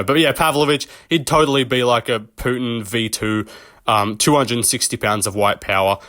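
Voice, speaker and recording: A man's voice: on the low side, fairly bright tone, dry recording, clean studio sound. Rambling, swearing young man riffing on fighters. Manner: rambling, swears, chuckles at his own jokes. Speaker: MMA commentary channel host. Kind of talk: casual off-the-cuff commentary.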